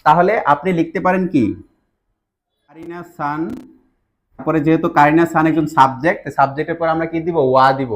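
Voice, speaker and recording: A Bangladeshi man with a slightly high voice teaches a grammar lesson. He goes step by step and keeps asking the listener questions before he answers them. His delivery stays patient and steady. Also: rapid-fire. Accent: Bangladeshi Bengali. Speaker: Japanese language teacher.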